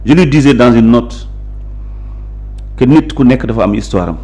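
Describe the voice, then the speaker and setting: A Senegalese local politician, speaking at a moderate pace in a dark, mid-range voice, is the guest in a conversational interview. He mixes Wolof and French while assertively and emphatically explaining his positions.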